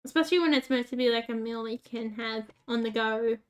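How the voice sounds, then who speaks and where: During casual gameplay chat, this rural Australian gaming YouTuber rambles, fills her speech with fillers and cracks self-deprecating jokes. She talks fairly quickly in a fairly high, clear, resonant voice.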